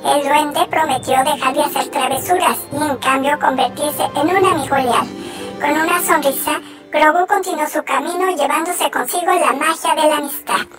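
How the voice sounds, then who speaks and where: Very high childlike storybook narrator. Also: steady tone, moderate pace, a bit bright, recorded from a distance. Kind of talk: scripted children's bedtime storytelling. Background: music.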